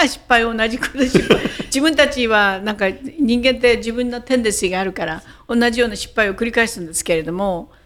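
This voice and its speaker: An older woman from Japan, a guest in a radio interview, talking briskly and modestly with laughter. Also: fairly high pitch, a bit bright.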